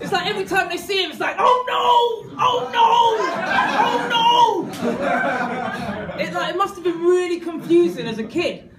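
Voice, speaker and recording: Woman, stand-up comic, bawdy, high-pitched, echoey room, loud crowd laughter. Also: very noisy. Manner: bawdy, shouts punchlines in put-on voices. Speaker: stand-up comedian. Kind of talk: stand-up comedy set. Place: comedy club stage with laughing audience.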